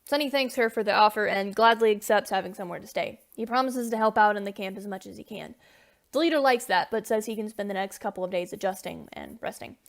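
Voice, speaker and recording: A woman narrating a scripted story in a brisk storytelling style. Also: medium pitch, vocal fry.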